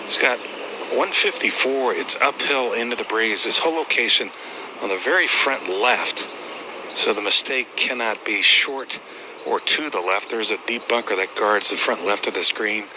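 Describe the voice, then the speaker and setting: A man giving live, measured golf commentary, describing play shot by shot from outdoors on the course. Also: mid-range voice, lively intonation. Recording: outdoor broadcast with clear background noise.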